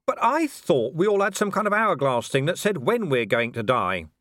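A man's voice: a little high, very animated, normal speed, fairly bright tone, no echo, studio quality, voice pushed up. Tense, urgent guard captain Vimes, as a male narrator voices him. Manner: urgent, strained, incredulous. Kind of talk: audiobook character voice.

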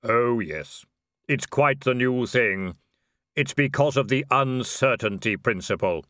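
A man voicing Death as a tall robed figure who speaks slowly, calmly and with polite matter-of-factness in an audiobook, in a dry studio. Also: mid-range voice, no room sound. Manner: slow, measured, politely matter-of-fact. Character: tall dark robed Death, calm, slow, mild. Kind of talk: audiobook character voice.

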